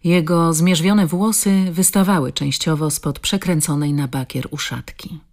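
A woman narrating an audiobook in a measured, steady storytelling manner. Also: low-pitched. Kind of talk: scripted narration.

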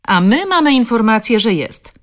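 A woman's voice: fairly high pitch, very animated, moderate pace, voice pushed up. Audiobook cop, a man, firm and by-the-book, official tone; woman narrator playing him. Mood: stern. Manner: formal, firm.

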